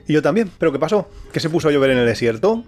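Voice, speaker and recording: Lively man telling travel stories. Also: a little high, rapid-fire. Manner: animated storyteller who acts out the people he quotes. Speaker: podcast co-host. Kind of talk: casual travel storytelling.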